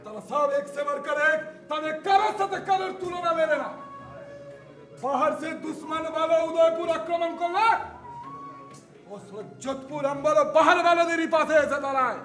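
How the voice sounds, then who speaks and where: A man acting a proud, excitable Mughal khan in a historical stage play, declaiming and exclaiming. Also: very high-pitched, moderate pace. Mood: scornful, forceful. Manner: declamatory, exclaiming, mixing Hindi-Urdu into Bengali. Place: theatre stage. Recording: echoey stage hall, faint music.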